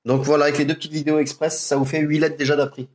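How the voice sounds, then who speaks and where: A man's voice: fairly high pitch, flat delivery. Patient man teaching pronunciation. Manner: patient, explains slowly with fillers and repeated sounds. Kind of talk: casual spoken lesson.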